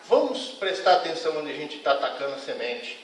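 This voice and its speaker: A man's voice: on the high side, big pitch swings, brisk, slight background noise. Earnest man lecturing in an echoey hall. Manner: earnest, admonishing, frank. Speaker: spiritist lecturer. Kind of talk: lecture to a congregation. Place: lecture hall of a spiritist center. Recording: echoey hall, mic at a distance.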